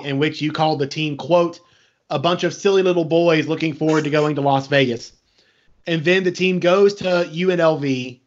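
The audio is a little dull and lo-fi. A man with a fairly high voice works as a sports interviewer, laying out long, wordy lead-ins before he gets to the question. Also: fairly bright tone. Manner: wordy, circling build-up to questions. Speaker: podcast interviewer.

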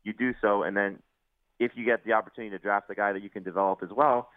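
A man's voice: fairly low pitch, steady tone, fast, dry recording. A man giving casual sports analysis as a fantasy football analyst, over a narrow phone-like line. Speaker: fantasy football analyst, regular radio guest.

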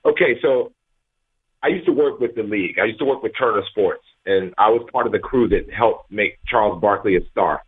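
A man's voice: on the low side, fairly quick, husky. A man from Atlanta calling a sports radio show on a phone line over speakerphone, rambling and restarting his sentences. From Atlanta, USA. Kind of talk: call-in sports talk. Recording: tinny speakerphone call line.

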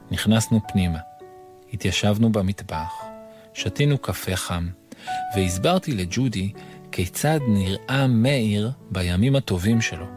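An expressive man reads a children's story aloud, and his voice rises and falls with playful animation. Clear music runs behind the reading the whole time. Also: lowish voice. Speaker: narrator.

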